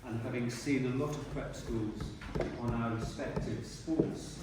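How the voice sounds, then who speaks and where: A man, a retiring teacher giving a rambling speech at a dinner and often clearing his throat. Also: medium pitch, steady tone, measured pace. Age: 60s. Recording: echoey hall from far off, noisy.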